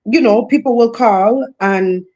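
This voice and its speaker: A woman's voice: fairly high pitch, unhurried. Bold woman reggae singer. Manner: bold, animated, laughs often, repeats phrases. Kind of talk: casual podcast interview.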